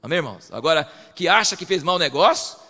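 A high, bright-voiced man preaching with lively energy, putting on voices for believers he quotes. His words ring out with a long church reverb that lingers after each phrase. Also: quick pace, breathy edge. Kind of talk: sermon.

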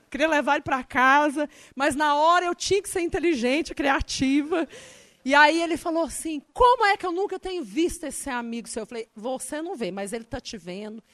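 High-voiced woman preacher. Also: no echo. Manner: animated storytelling, voice rising when excited. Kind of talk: sermon with personal story.

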